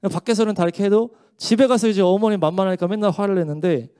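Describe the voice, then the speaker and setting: A man's voice: high voice, fast talker, mellow, smooth. A man pastor giving an earnest, emotional testimony during a church service. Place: church sanctuary during worship.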